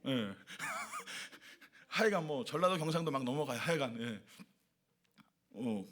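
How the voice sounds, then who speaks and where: A man's voice: medium pitch, sing-song, unhurried, fairly bright tone. A man pastor preaching a sermon at a church worship service, emphatic, stacking rhetorical questions and repeated lists.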